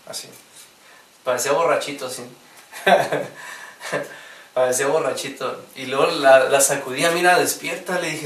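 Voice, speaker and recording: A man's voice: mid-range voice, a bit bright, recorded from a distance. A man giving a spiritual lecture, telling anecdotes, acting out the quoted lines and laughing at his own stories. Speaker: gnostic instructor. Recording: roomy sound, voice from off mic.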